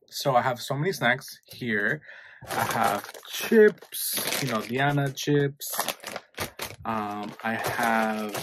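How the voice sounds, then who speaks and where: A man's voice: medium pitch, slight background noise. A man, chatting casually in a snack vlog and switching between English and Spanish. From New York, USA. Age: 20s. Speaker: YouTuber.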